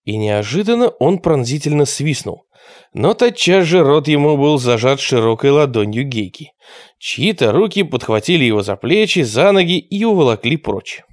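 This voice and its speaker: Expressive male audiobook narrator. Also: mid-range voice, moderate pace, no echo, studio quality. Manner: expressive storytelling.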